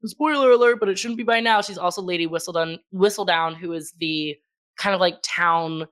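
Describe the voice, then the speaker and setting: A woman's voice: on the low side, a little fast. Gushing, laughing woman podcast host. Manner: animated, gushing, laughs often. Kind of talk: casual chat.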